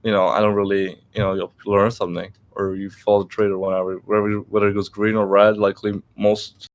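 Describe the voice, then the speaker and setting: Fast-talking blunt man, low voice. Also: flat delivery. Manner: blunt, profane, lots of fillers. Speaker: trading course host. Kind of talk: casual chat.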